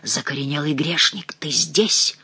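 A woman reading an audiobook voices a hoarse, wheezing, disembodied voice posing as God. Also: deep voice, measured pace, sharp tone, no echo, pitched below the performer's own voice, heavily acted. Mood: stern. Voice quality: hoarse, whistling.

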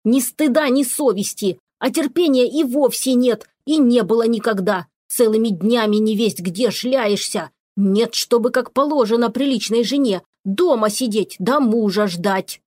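A woman's voice: on the high side, measured pace, hardly any pauses, darkish tone, dry recording. A woman voicing a grumpy male house spirit who scolds and grumbles, in a storybook reading. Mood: grumbling.

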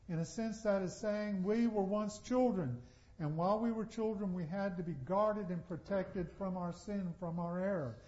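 High-voiced preacher with a mellow tone. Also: male voice. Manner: conversational preaching, repeats key phrases for emphasis; folksy, homely examples. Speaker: pastor. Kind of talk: sermon. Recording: dull, slightly lo-fi sound.

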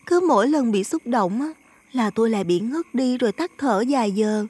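A man putting on a breathy young village girl. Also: extremely high pitch, expressive, moderate pace, darkish tone, voice pushed up, exaggerated voice. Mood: explaining. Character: young village girl, gentle, playful, lonely. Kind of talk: audio ghost story reading.

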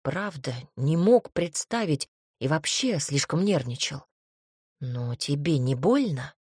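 A woman reads a nervous young wizard man. He frets in a low, husky voice. The sound is dry and close. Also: lively intonation, slow, a little mellow, no echo, exaggerated voice. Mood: worried. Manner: anxious, fretful.

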